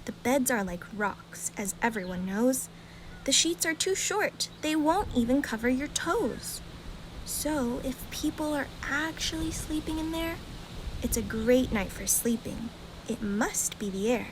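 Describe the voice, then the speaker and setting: A woman reads a rhyming children's bedtime story aloud in a calm, gentle, expressive storytelling way. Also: high voice, a little slow, noisy background.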